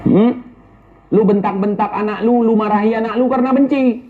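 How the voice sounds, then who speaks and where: A man talks in a high voice, answering viewer questions in casual commentary. He is blunt and scolding and keeps firing rhetorical questions. The audio is thin and tinny, like a phone line. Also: normal speed, crowd noise.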